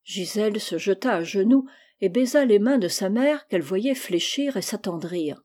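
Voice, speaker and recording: A woman narrating an audiobook in a measured, even pace. Her voice is warm and mellow. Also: medium pitch. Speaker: reader.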